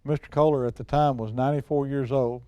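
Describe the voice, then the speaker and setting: A man's voice: mid-range voice, fairly even intonation, quick pace, mellow, clear, resonant tone, no echo, highs cut off. A middle-aged or older man, talking casually and telling hunting stories in a folksy, plain-spoken way. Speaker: guest expert and outdoors show personality. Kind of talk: casual hunting talk and storytelling.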